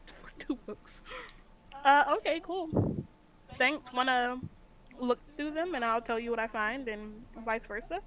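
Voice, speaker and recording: Curious young woman adventurer, played by a woman, hesitant, questioning, higher voice, tabletop game. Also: unhurried, a bit bright, low-quality recording.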